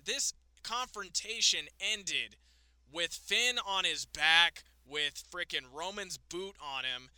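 A man with a sharp, bright voice and smooth, clear tone talks excitably about the latest wrestling show. He says "like" often and swears casually. The sound is close and dry, with no room around it. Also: on the high side, no room sound. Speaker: podcast co-host. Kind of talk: casual wrestling review chat.

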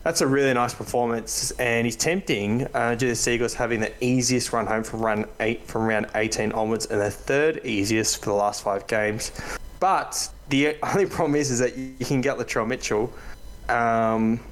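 A man's voice: mid-range voice, moderate pace, a little hiss or hum. A man hosting a casual, matey and slangy fantasy rugby league chat. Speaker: podcast host.

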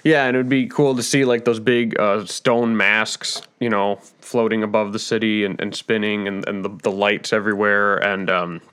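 A man co-hosting a podcast in casual chat, pausing and searching for his words. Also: on the low side, little pitch movement, fairly bright tone, clear, resonant tone. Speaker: podcast co-host.

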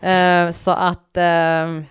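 A young woman, co-hosting a casual football podcast, animated and full of quick asides. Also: on the low side, smooth, no room sound. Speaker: podcast co-host.

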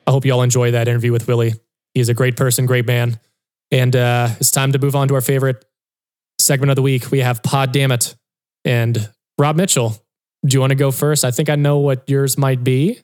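A man hosting a casual podcast, relaxed and quick to laugh. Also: medium pitch. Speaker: podcast host.

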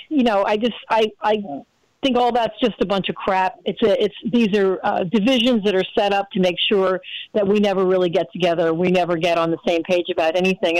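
A woman's voice: medium pitch, dry recording, rough recording. Blunt rambling woman radio host. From United States. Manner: blunt, rambling, frequent fillers. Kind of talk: casual opinion chat.

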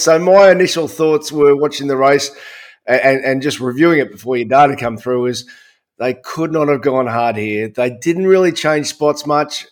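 A man with an Australian accent hosts a racing podcast in a matey, conversational way. His voice is rough and gravelly, hoarse from shouting, and sits a little higher than average. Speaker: podcast host. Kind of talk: sports racing podcast talk.

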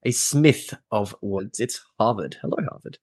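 A man's voice: lowish voice, moderate pace, darkish tone, no echo. A man hosting a podcast in casual, joking banter with a wry, playful manner. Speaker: podcast host.

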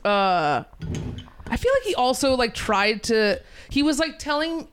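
A loud woman chatting casually on a podcast, telling stories and laughing often. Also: high-pitched, big pitch swings, unhurried, smooth. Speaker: podcast guest. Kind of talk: casual comedic chat.

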